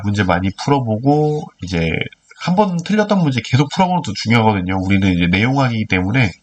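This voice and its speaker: Nasal, stuffy-nosed male teacher explaining. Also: on the low side. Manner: informal, step-by-step explaining with rhetorical questions. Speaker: earth science teacher. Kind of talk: explanatory video lesson, working through problems.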